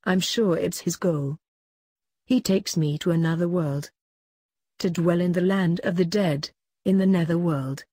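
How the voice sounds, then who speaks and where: Woman playing Vivienne, a mellow-voiced doomed actress. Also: lowish voice, a little slow, no room sound. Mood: fearful, mournful. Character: Vivienne, frightened actress facing her death. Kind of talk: dramatic verse audio reading.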